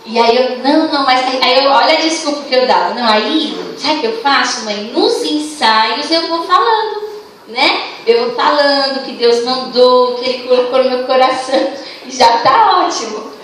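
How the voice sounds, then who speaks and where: A young Brazilian woman preaches to a church congregation, telling personal stories and playing out the conversations. Her voice sits high and carries through a booming, reverberant hall. She is picked up from some distance away, with faint room noise behind her. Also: moderate pace. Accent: Brazilian Portuguese. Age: young adult. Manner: warm storytelling, acts out dialogue. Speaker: youth congress leader and preacher. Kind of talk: sermon.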